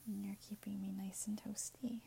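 A woman speaking in a soft, soothing unvoiced whisper in an ASMR roleplay, gentle and caring. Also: mid-range voice, level tone, moderate pace, vocal fry, slight background noise.

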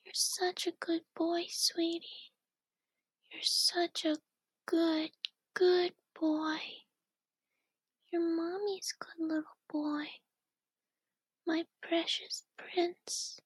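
Woman whispering real soft and slow, high even voice, dry close sound. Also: no echo. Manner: slow, coaxing and doting. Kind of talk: whispered ASMR roleplay.

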